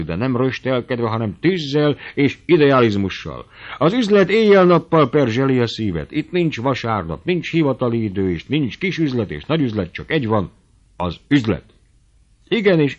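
A man voicing an old man who is a fiery, boastful dreamer, speechifying grandly and loudly, in a storybook reading. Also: medium pitch, very animated, highs cut off, voice pushed up. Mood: fervent.

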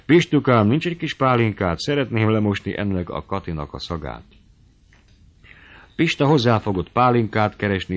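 A man narrating an audiobook in an expressive storytelling manner. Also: low-pitched, lo-fi sound.

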